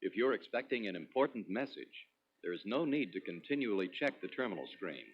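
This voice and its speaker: A man presenting a product demonstration in a scripted, instructional promotional narration with clearly structured delivery. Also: lowish voice, big pitch swings, fairly quick, slight background noise. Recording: dull lo-fi 1980s demo recording.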